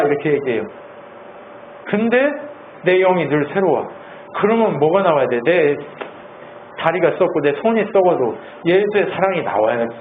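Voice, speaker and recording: A male pastor preaching a sermon in an animated, conversational way, asking the congregation lots of questions. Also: high-pitched. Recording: tinny phone-like sound, faint hiss.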